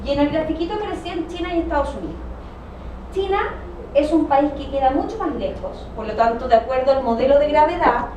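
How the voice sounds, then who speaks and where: A woman's voice: high-pitched, fairly quick, warm tone, dull audio. A woman lecturer teaching a class in a didactic way, often checking that students follow with short tag questions. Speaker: economics lecturer. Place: classroom, recorded from a distance. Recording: echoey room, distant mic, noisy background.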